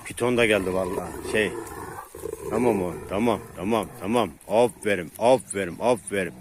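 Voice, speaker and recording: Low-voiced man talking to his dogs outdoors. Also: moderate pace, noisy background. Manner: calls and soothes dogs, repeating words. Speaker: dog owner filming his dogs. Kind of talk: casual vlog commentary to viewers. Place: outdoors in a rural area.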